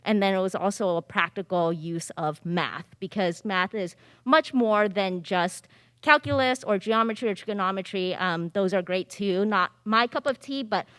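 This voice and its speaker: A woman's voice: mid-range voice, moderate pace, fairly bright tone, clear, resonant tone, dry recording, studio quality. A woman in her thirties giving a casual, upbeat panel talk on stage in a library theatre. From Southern California, United States. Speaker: panelist speaking on finance.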